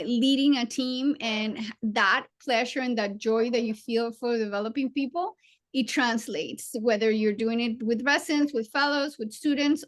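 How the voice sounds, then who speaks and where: Guest: woman, 40s, Colombian Spanish accent, slightly high pitch, earnest and reflective delivery. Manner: earnest, reflective, many pauses and fillers. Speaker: guest surgeon. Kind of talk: interview conversation.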